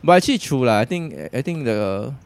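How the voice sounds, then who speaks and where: A man's voice: mid-range voice, animated, a little fast, dry recording. A man with a Singaporean accent chatting casually as a podcast co-host, in colloquial Singlish full of particles and repeated words. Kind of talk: casual chat.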